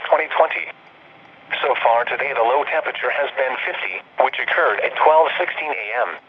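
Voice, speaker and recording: A synthetic text-to-speech man's voice reading a scripted weather broadcast as a radio announcer, impersonal and formulaic, in clipped segments. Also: medium pitch. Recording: tinny narrow-band radio, clear noise.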